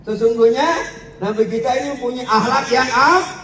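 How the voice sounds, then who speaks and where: Brief: high-pitched male preacher questioning kids, recorded from far off in an echoey space with faint background. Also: normal speed, slight background noise. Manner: lively, asks the children questions, repeats words. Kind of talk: sermon storytelling to schoolchildren. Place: school event.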